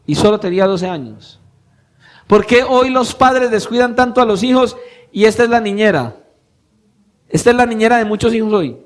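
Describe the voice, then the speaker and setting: A male pastor preaching a sermon, asking his congregation pointed questions and moving between soft, low lines and louder emphatic ones. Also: normal speed, long pauses. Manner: questions the congregation directly, swinging from soft to loud.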